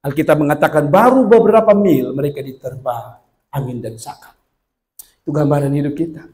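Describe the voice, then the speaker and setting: A male pastor, preaching a sermon that swings from quiet murmurs to loud shouted peaks and acts out the voices in his stories. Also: on the high side, brisk.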